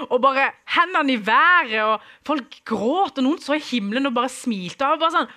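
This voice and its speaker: Young man, church testimony, lively storyteller, bright forceful tone, acts out voices. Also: extremely high pitch. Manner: animated, acts out quoted dialogue, chuckles often. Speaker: speaker giving a testimony. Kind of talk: humorous personal storytelling to an audience.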